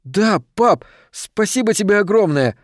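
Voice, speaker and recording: A man reading an audiobook, voicing an eager, trusting young boy in a raised, boyish pitch. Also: normal speed, darkish tone, dry recording, clean studio sound, lightly acted. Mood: delighted.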